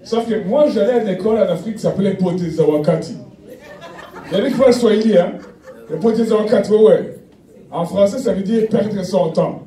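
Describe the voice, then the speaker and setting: A man does stand-up, teasing and chatting directly with the crowd. His voice sits high yet sounds very dark and mellow. The mic is distant, so his voice carries a roomy echo. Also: a little fast. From Africa. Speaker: stand-up comedian. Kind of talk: stand-up comedy routine. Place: comedy stage.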